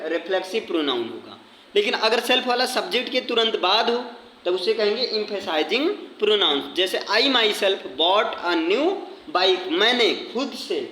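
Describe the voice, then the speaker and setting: A man's voice: high voice, pushed and bright. A man teaching an English grammar class, explaining in Hindi mixed with English, spelling words out letter by letter and checking whether the students follow. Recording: echoey classroom with faint noise.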